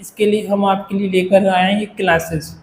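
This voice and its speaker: A man's voice: sits high, little pitch movement, normal speed, slight background noise. A man teaching a lecture, explaining step by step and checking in with the class. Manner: Hinglish explaining with frequent "है ना". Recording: echoey room with faint ambience.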